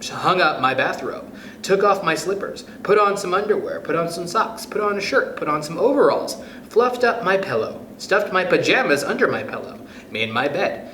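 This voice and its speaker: Very animated and high-voiced, the male storytime host reads a picture book with lots of expression at a moderate pace, speaking right to his young audience. His tone is pushed and bright, and the room echoes with a little background noise.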